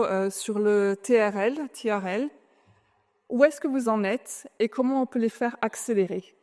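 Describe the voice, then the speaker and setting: A woman from France giving a conference talk to an audience, friendly and a little hesitant, often putting questions to the room. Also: fairly high pitch. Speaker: invited speaker. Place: large event hall. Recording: long reverb of a large hall.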